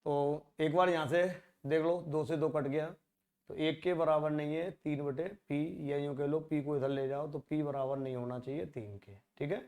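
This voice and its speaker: Working through exam-prep maths problems, this teacher keeps a steady tone and moderate pace in his somewhat high voice. He chats with the class, asks rhetorical questions, and mutters quietly to himself as he calculates.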